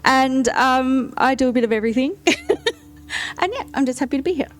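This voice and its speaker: A person in their late thirties with a feminine-sounding voice, chatting casually at a gaming table with giggles and quick asides. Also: female voice, sits high. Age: 30s. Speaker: artistic director and player. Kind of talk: casual chat.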